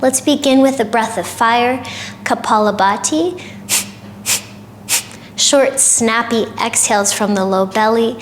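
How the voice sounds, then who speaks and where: A woman yoga teacher giving calm, gentle guided instruction for a short flow, with soft breathy asides. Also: on the high side, slow pace, pauses often, a little hiss or hum.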